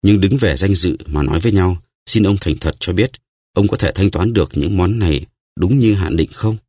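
A man voicing a reserved English visitor who asks questions in a measured, steady way in an audiobook. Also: deep voice, breathy edge. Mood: probing.

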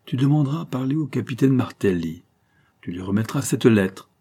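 A man's voice: medium pitch, animated, brisk, dark tone, voice pushed up. A man reading an audiobook voices a scheming, ruthless female adventuress who gives orders in an imperious, gloating manner. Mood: commanding. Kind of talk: audiobook character voicing.

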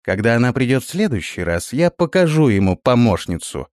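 A soft-spoken, naive young woman, put on by a male reader, confiding in a meek, gentle tone. Her lines come in a dry, close storybook reading. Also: mid-range voice, very animated, a little fast, dry recording, close to an everyday voice.

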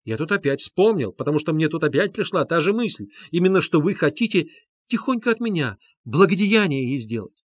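A man voicing an excitable, indignant young man who insists heatedly and keeps repeating himself, in a storybook reading. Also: on the high side, normal speed, breathy edge, dry recording, clean studio sound. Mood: insistent.

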